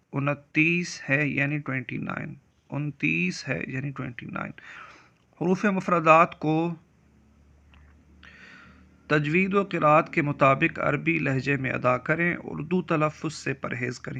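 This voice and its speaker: A man teaching Quran reading, explaining where each letter is made and reciting the letters slowly and carefully. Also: on the high side, vocal fry, sharp tone. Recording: dull lo-fi recording.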